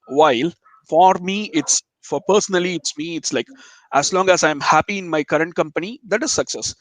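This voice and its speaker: A man's voice: fairly high pitch, a little fast, a bit bright, no room sound, low-quality recording. A man from Chennai with a Telugu Indian accent, chatting casually as a webinar guest in an informal, jokey, digressive way. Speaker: guest speaker, web developer.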